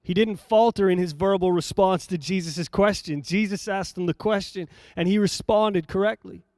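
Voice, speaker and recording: A man with a high, smooth and resonant voice delivers a sermon, reading scripture and dwelling on it. He speaks in a measured, emphatic way and repeats key phrases for effect. The sound is dry and close. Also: a little mellow, no echo. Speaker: preacher.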